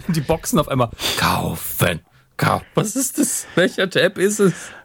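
A man's voice: sits high, very animated, slow pace, breathy edge. A man hosting a podcast, chatting casually and reading the closing outro with dry jokes. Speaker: podcast host. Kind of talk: casual chat and scripted outro.

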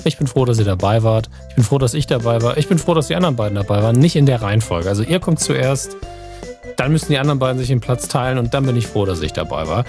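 A man's voice: medium pitch, lively intonation, quick pace, a little mellow, soft background music. A man, a podcast host, chatting casually and joking his way through the show's sign-off. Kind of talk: casual chat and show outro.

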